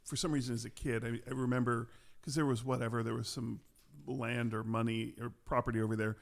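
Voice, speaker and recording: A podcast host in his fifties with a gravelly, fry-heavy voice. He chats casually and nudges the guest with questions, at a middle pitch. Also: little pitch movement, fairly quick. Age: 50s. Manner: chatty, prompting with questions. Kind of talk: casual conversation.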